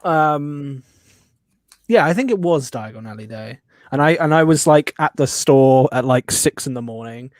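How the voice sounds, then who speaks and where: A man's voice: mid-range voice, animated, normal speed, no room sound, studio quality. A young man chatting casually on a call, rambling and laughing often. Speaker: guest YouTuber. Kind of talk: casual stream chat.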